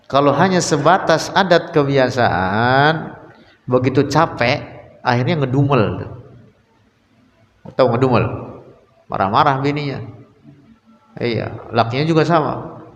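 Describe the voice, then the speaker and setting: An Islamic religious teacher gives a study lecture, reading Arabic text and translating it phrase by phrase while tossing joking, colloquial asides to his students. His mid-range voice has lively intonation, unhurried with long pauses. The lo-fi recording comes from an echoey hall with long reverb.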